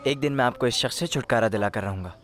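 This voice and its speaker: A man's voice: medium pitch, fast talker, fairly bright tone, faint music behind, lightly acted. A young man voicing a son who firmly insists on leaving home, in a film dub. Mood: determined. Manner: earnest, determined. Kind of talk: Urdu film dub acting.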